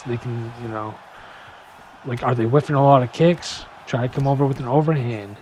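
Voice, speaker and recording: A young man giving a casual gameplay breakdown, full of "you know" fillers and sometimes rushing to keep up with the action. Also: medium pitch, a little hiss or hum. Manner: casual, filler-heavy, talks fast to keep up. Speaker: gaming YouTuber.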